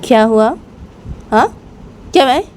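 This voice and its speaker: A woman voicing a hot-tempered, bossy young woman who loudly scolds her lover and repeats threats. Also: low voice, steady tone, brisk, slight background noise. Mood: angry scolding. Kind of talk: storytelling role-play.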